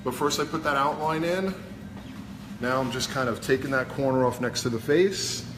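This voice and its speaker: A man's voice: medium pitch, moderate pace. A man with a Brooklyn accent giving a casual live hairdressing demonstration, explaining informally step by step as he works. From New York, USA. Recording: noisy busy salon background.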